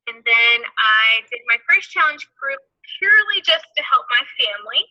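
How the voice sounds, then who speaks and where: A woman's voice: a little high, lively intonation, moderate pace, sharp tone. A woman giving a matter-of-fact testimonial about coaching. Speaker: company vice president. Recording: dull lo-fi recording.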